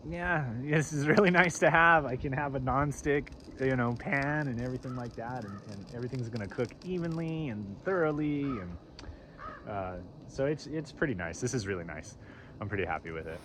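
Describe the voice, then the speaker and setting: A man's voice: mid-range voice, expressive, moderate pace. A man chatting casually to the camera as a camping vlogger, informally talking through what he is doing outdoors. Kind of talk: casual chat to camera while cooking and camping. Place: outdoors at a campsite. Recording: noisy outdoor ambience.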